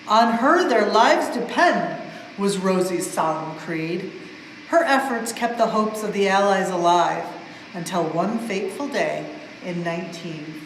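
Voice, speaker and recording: A museum staff member, a woman with a mid-range voice, reads a rhyming children's storybook aloud for a museum storytime, sounding expressive and measured. She is indoors in an exhibit space, where the hall is very echoey and reverberant, with faint background noise.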